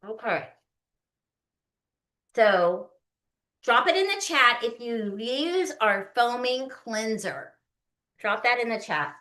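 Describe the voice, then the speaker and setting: This early-50s skincare consultant talks slowly and pauses often, her sharp, high-leaning voice swinging widely in pitch. She leads a live online product demo in a casual, folksy, instructional style, often checking in with her listeners.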